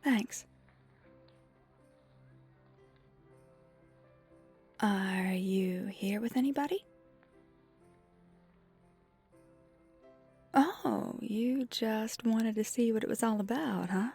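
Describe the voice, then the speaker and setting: Speaking on the high side at a measured pace, a woman heavily acts a flirty, friendly vampire giving ice-skating lessons in a one-sided ASMR roleplay. Her tone is shy and friendly, soft-spoken and reassuring, frequently a breathy near-whisper, with music behind her.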